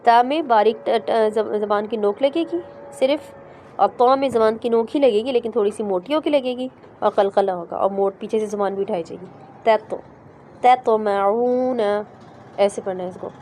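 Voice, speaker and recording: A woman with a fairly high, mellow voice teaches recitation in a class. She explains each letter patiently, step by step, and slowly sounds out the syllables for her students to repeat. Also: a little hiss or hum. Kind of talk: online class explaining pronunciation.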